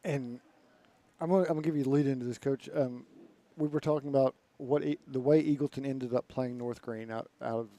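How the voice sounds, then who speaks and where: A man's voice: mid-range voice, steady tone, a little fast, warm tone, dry recording. A man hosting a sports radio show, asking friendly, conversational questions. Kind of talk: radio interview.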